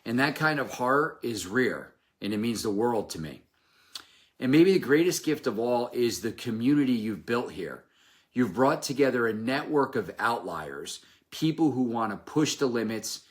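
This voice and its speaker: A man's voice: medium pitch, fairly bright tone. A man who owns a painting business giving an earnest, polished video tribute to his mentor. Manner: earnest, polished, scripted-sounding.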